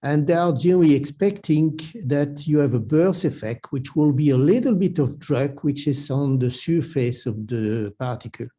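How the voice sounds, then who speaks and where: A man's voice: fairly high pitch, normal speed, few pauses, dark tone. A man with a delivery, introducing an online webinar and speaker as moderator, hesitant with many restarts.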